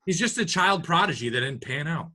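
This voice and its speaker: A man's voice: on the high side, expressive, a little fast, pushed and bright. A young man hosting a casual podcast, running a trivia game, teasing his co-hosts and laughing often. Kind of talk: casual chat.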